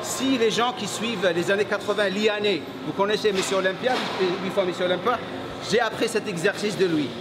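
Middle-aged man, fitness coach, energetic gym talk, high voice, loud clattering gym noise. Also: normal speed. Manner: energetic, pushes with repeated "come on". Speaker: bodybuilding coach and channel host. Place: large busy indoor gym.

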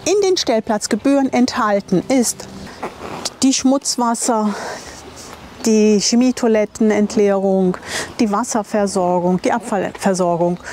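A camper van travel vlogger and presenter gives an informal guided tour to camera around a campsite, both outdoors and in small tiled rooms. She's chatty and enthusiastic, with a medium-pitched, darkish voice. A clip-on lapel mic picks her up, and clear ambient location noise sits behind her.

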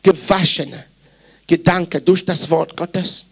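A man preaching a sermon, animated and emphatic, repeating phrases and telling personal stories with laughter. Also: a little high, slow pace, creaky, husky.

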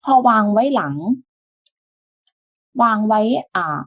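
A woman teaching an online language lesson, explaining step by step in a patient way with soft, polite sentence endings. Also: medium pitch, expressive, slow, no room sound, dull audio.

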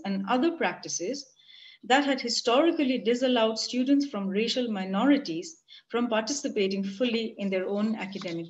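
This conference presenter, a woman in her forties with an Indian accent and a slightly high voice, reads a prepared academic talk from notes in an earnest, measured manner. The audio comes through her computer mic on a video call from a home room, muffled and lo-fi.

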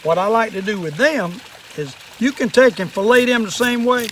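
A man's voice: high voice, expressive, normal speed, a little hiss or hum. An older man with a Southern US accent talks like a plainspoken old fisherman, giving a casual hands-on demonstration outdoors. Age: older, 60s or above. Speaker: fishing and fish-cleaning demonstrator. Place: outdoors in a wooded yard at a table.

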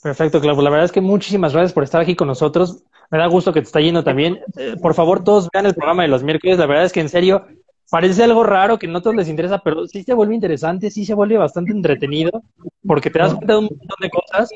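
A man's voice: sits high, quick pace, darkish tone, lo-fi sound. A man hosting a casual interview, friendly as he thanks and promotes his guest. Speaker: interview host.

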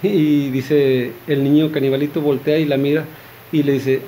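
A man's voice: on the high side, flat delivery, moderate pace, dark tone, slight background noise. A man with a Mexican accent telling short jokes in a chatty, rambling way, with fillers and asides to his listeners. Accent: Mexican Spanish. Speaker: joke teller.

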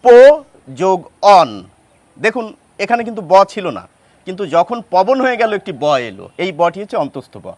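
High-voiced Bengali teacher, slow and deliberate. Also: male voice, very animated, no room sound. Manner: deliberate, sounds out example words, asks questions then answers them. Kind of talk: grammar lesson.

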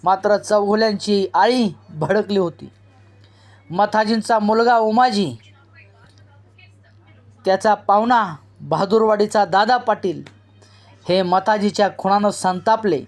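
Slow, deliberate novel reader. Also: medium pitch, soft background music. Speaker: audiobook narrator. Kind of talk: dramatic novel reading.

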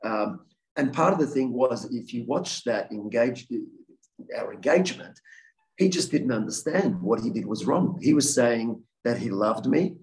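An earnest man in his forties speaks at a talk and takes questions from the audience. His voice sits at an ordinary pitch, and he often restarts and repeats his words as he works through an answer. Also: lively intonation, measured pace, a little mellow, low-quality recording. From Australia. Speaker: guest speaker, victims' advocate.

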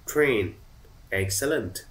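A man teaching English to children, slow and encouraging and praising them often. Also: on the low side, lively intonation, fairly bright tone.

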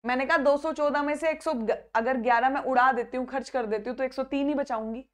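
High-voiced lively woman teaching math. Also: quick pace. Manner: lively, coaxing students by name, repeats and checks understanding. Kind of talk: live online math class.

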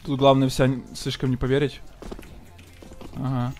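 A man doing casual live gameplay commentary as a streamer, slangy, profane and excitable, thanking donors. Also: mid-range voice, normal speed, soft background music. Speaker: game streamer.

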